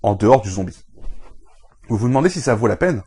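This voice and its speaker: Man, comic book reviewer, husky voice, very lively intonation, enthusiastic scripted delivery. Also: lowish voice, a little fast. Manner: animated, enthusiastic recommendations.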